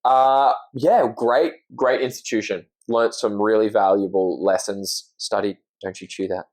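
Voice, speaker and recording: A man's voice: lowish voice, fairly even intonation, a little slow, darkish tone, low-quality recording. A man in his thirties with an Australian accent, an actor talking earnestly and reflectively as a podcast guest. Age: 30s. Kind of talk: casual interview chat.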